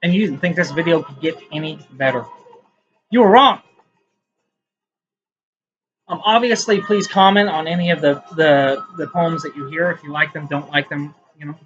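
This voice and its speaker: A man's voice: fairly high pitch, a little fast, few pauses, fairly bright tone, highs cut off, soft background music. A man reading his own poems aloud in a casual vlog, with rambling, self-mocking asides between them.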